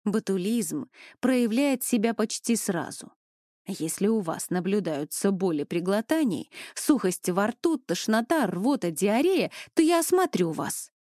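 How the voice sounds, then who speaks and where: A woman voicing a calm male village medic who speaks slowly and clearly to a crowd. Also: mid-range voice, no room sound, clean studio sound, natural voice. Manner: calm but loud, measured. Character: calm village medic man, patient and authoritative.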